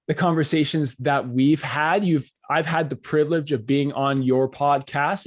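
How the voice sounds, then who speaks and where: A man hosting a podcast interview, energetic and enthusiastic, sitting at his desk. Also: medium pitch. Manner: energetic, enthusiastic, talks fast when fired up. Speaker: podcast host. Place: seated at a desk, indoors.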